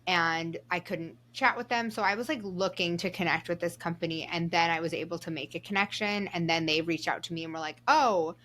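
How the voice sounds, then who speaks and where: A woman co-hosting a podcast in casual chat, relaxed and agreeable, steering the talk along. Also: fairly low pitch, a little fast, hardly any pauses. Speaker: podcast co-host.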